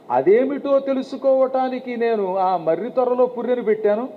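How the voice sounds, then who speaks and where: A man's voice: high voice, natural voice. A man in his fifties voicing an exasperated seventy-year-old Brahmin husband who explains patiently in a story. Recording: tinny phone-like sound, faint hiss.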